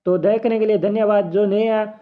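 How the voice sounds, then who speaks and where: A man's voice: high voice, flat delivery, moderate pace. A man teaching an exam reasoning question in a chatty, encouraging way, thinking aloud as he solves it. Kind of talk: casual tutorial lesson. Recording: tinny phone-like audio.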